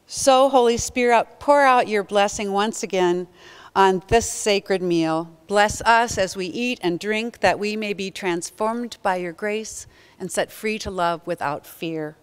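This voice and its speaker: A middle-aged woman pastor leads a communion liturgy in a smooth, resonant voice. She reads slowly and solemnly, in a prayerful way, from the front of a church sanctuary, heard through a distant camera. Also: medium pitch. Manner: slow, solemn, prayerful reading.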